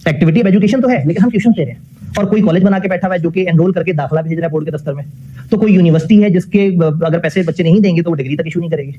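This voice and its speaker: A man's voice: high voice, dark tone, breathy edge, muffled recording. A man giving a classroom lecture. He puts questions to the class, answers them himself, and mixes English technical phrases into his talk.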